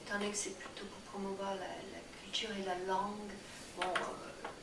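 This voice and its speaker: A woman's voice: medium pitch, little pitch movement, moderate pace, creaky. An older woman from France answering interview questions casually, hesitating often with fillers and restarts. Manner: hesitant, many fillers and restarts, occasional laugh. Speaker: interviewee, cultural association chair. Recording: roomy, distant mic with background noise.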